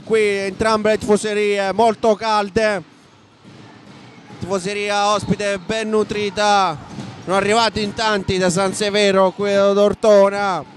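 Man, Italian accent, live basketball commentary, high voice, unhurried pace, faint hall noise behind. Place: indoor basketball arena. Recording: noisy sports hall ambience.

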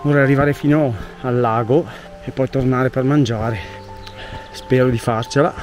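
Man, mid-pitch, hiking vlogger narrating outdoors on the move, casual and chatty, faint music bed. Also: fairly even intonation, normal speed, a little mellow. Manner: chatty, thinking aloud while walking. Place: outdoors on a mountain road and forest trail. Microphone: camera carried while hiking.

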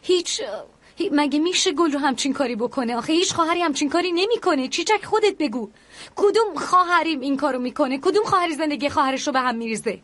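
A woman's voice: high-pitched, animated, a bit bright, no echo. A woman dubbing a woman who refuses to believe a sister could betray another, asking pleading, disbelieving questions in a TV drama dub.

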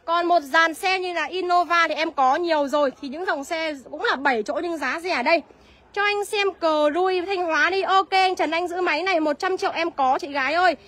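A young woman, selling used cars on a livestream in a brisk sales patter and answering viewer comments. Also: extremely high pitch, fairly bright tone. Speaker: used car seller.

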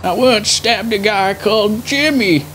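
A man's voice: sits high, unhurried, fairly bright tone, a little hiss or hum. A man voicing a forgetful, cheerful old grandpa war veteran in a folksy, rambling grandpa voice for online game role-play. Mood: rambling, reminiscing.

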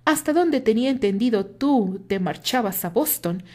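A woman's voice: fairly high pitch, lively intonation, moderate pace, a little mellow. A woman voicing a proud, jealous young man who speaks in a raised, emphatic way. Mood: cold.

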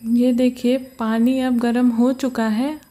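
A woman hosting a home cooking channel narrates each recipe step from her home kitchen in a mellow, somewhat high voice with flat delivery. She's slow and patient, often pointing things out to viewers and repeating "ye dekhiye".

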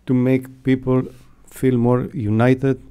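Taking his time, the mellow middle-aged sound technician explains things off the cuff in a clear, resonant, mid-range voice with a level tone. He's interviewed in a padded radio studio, close to a broadcast microphone.

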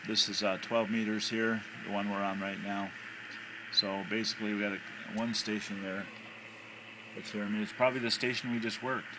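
Sitting indoors at his home radio desk, an American amateur radio hobbyist gives a casual, off-the-cuff demonstration, thinking aloud with hesitation. His lowish voice moves at normal speed with little pitch movement, and the handheld home recording is noisy.

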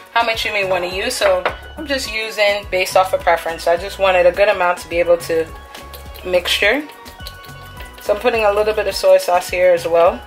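A woman's voice: mid-range voice, fairly bright tone. Chatty woman cooking in her kitchen. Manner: chatty, upbeat, talks through each step. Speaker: cooking vlogger. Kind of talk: casual cook-along demonstration. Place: home kitchen at the stove.

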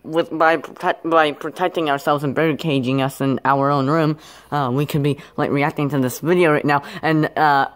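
A woman's voice: low-pitched, steady tone, moderate pace. A woman casually commenting on her plush toy skit video, rambling and filler-heavy with a giggly manner.

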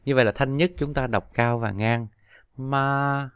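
A man's voice: mid-range voice, clean tone, dry recording, studio quality. A man teaching a pronunciation lesson, patiently explaining and stretching out example syllables. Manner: patient, drawn-out model syllables. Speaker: Chinese language teacher.

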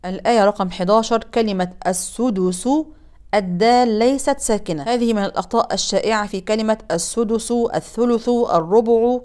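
A woman teaching Quran recitation rules, explaining briskly and then drawing out example words very slowly. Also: mid-range voice, a little mellow, smooth. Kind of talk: tajweed lesson with slow recited examples.

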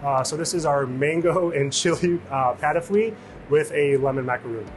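A man's voice: a little high, normal speed, slight background noise. A middle-aged man from Illinois, a chef, casually walking through his dishes with many fillers, on a lapel mic in a restaurant kitchen. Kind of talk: interview, describing dishes.

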